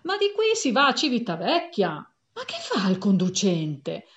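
A woman playing a furious shouting lawyer. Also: medium pitch, wildly swooping pitch, measured pace, reverberant, highs cut off. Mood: indignant. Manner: loud, indignant outbursts. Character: irate middle-aged male lawyer, shouting.

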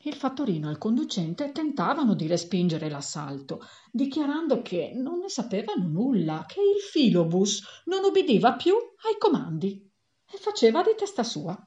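A woman reading a children's story aloud with an animated, theatrical delivery. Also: on the high side, moderate pace, muffled recording.

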